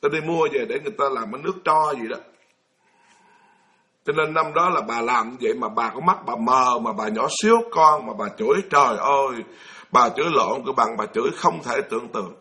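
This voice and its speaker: A man's voice: medium pitch, a little fast, bright, forceful tone. A man with a Southern Vietnamese accent, a Buddhist monk telling a folksy story in a dharma talk and putting questions to his audience. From Mekong Delta, Vietnam.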